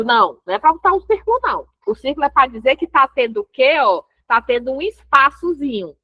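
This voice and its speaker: High-voiced Brazilian teacher, lo-fi call. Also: female voice, no room sound. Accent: Brazilian Portuguese. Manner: explains step by step, asks and answers her own questions. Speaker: writing teacher. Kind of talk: online class lesson. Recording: dull, dry lo-fi audio.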